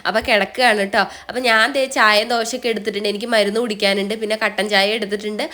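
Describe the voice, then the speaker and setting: A woman's voice: mid-range voice, flat delivery, racing. A young Malayali woman with a blocked, nasal voice from a cold, chatting through a casual voice-over for her vlog. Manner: chatty, often ends phrases with a soft tag word. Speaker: vlogger.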